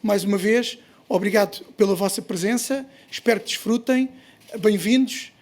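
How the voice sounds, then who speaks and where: A man's voice: sits high, normal speed, a little mellow. A man with a European Portuguese accent gives a hesitant, semi-spontaneous welcome speech as event host, often repeating words. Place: office event space.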